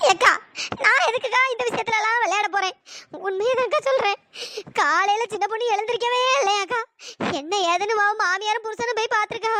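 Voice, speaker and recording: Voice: fast talker, bright, forceful tone, no room sound, studio quality. A tearful cartoon village woman. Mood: tearful, pleading. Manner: pleading, wailing, calls her elder "akka". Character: tearful young village woman, Otha Rosa, anxious messenger. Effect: pitch-shifted up. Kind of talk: cartoon voice acting.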